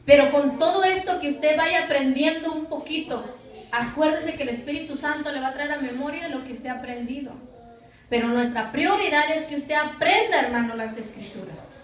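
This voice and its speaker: A woman's voice: high-pitched, normal speed. A woman pastor, preaching a sermon and putting rhetorical questions to her congregation. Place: church hall. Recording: echoey church from far off.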